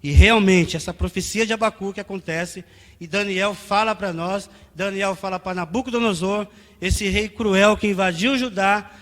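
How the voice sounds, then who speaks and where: A man's voice: high voice, fairly bright tone. A man with a Brazilian Portuguese accent preaching a sermon as pastor, building to fervent emphasis. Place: church hall. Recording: long church hall reverb.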